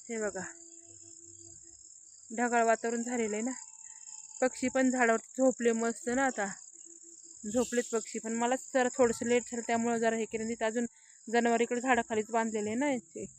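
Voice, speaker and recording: Woman, casual home vlog, chatty, repeats herself, filmed outdoors on a phone, fairly high voice. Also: no echo. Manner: chatty, repeats "hey bagha" often. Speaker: vlogger. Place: outdoors at a village home at dusk.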